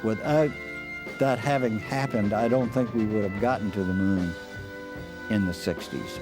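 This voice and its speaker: Older guy, lower voice, sober honest documentary interview, guitar playing underneath. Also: measured pace. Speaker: space program veteran.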